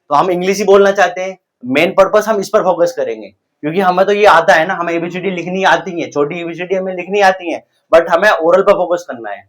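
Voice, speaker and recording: A man teaching English pronunciation in Hindi, explaining step by step and asking and answering his own questions. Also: on the high side. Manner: addresses viewers as guys. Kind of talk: Hindi-language English lesson.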